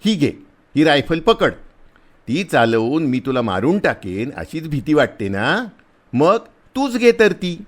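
Man playing a gruff soldier, loud, scolding, teasing, big swings in pitch, storybook reading. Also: big pitch swings, a little slow. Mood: blustering. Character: big gruff soldier, blustering but kind.

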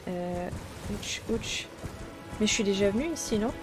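A woman's voice: medium pitch, lively intonation, a little slow. A woman streamer giving casual let's play commentary, chatty and exclaiming often as she talks to her viewers and to the characters on screen. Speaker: gaming streamer. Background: game music.

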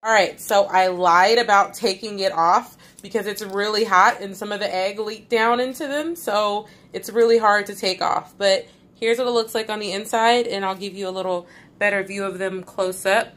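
A woman's voice: mid-range voice, fairly even intonation, normal speed, a bit bright. A young woman casually talking viewers through her meal prep in a chatty, direct way. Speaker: vlogger. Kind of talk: casual cooking vlog.

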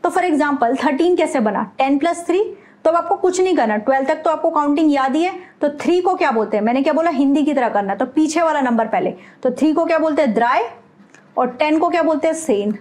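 Talking fast and with lots of animation, an Indian woman with a high, light, slightly mellow voice runs a beginner language class. Again and again she questions the learner, then supplies the answer, sprinkling in English as she explains.

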